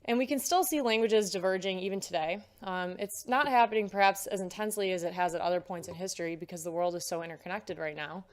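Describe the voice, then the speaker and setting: A woman's voice: lowish voice, fast talker, hardly any pauses. A young woman giving a recorded lecture, explaining terms patiently with frequent filler words.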